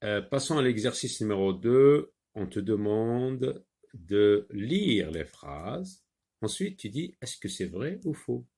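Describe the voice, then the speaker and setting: A man teaching young children from a reading workbook, slowly sounding out words and repeating each sentence with patience. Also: medium pitch, vocal fry, warm tone, breathy edge.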